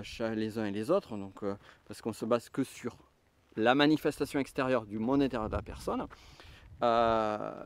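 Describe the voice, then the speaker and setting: Direct your voice as a man with a southwestern French accent, explaining slowly to one listener, pausing and restarting mid-thought as he searches for words, at an easy, mid-range pitch. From southwest France. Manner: thinks aloud with frequent restarts and hesitations. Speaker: enneagram coach and trainer. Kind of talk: reflective teaching monologue.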